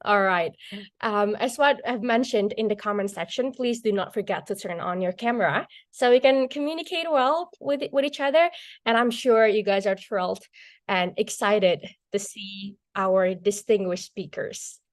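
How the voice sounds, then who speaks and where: A woman's voice: medium pitch, moderate pace, no echo, studio quality. A young woman moderating a live online workshop over a video call, upbeat and chatty with many casual fillers. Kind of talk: live online event hosting.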